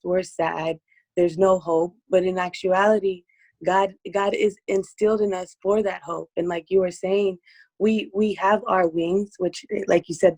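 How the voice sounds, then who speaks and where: A woman with a hoarse, strained voice, speaking earnestly as an interview guest giving personal testimony. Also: lowish voice, a little mellow, dry recording, poor audio.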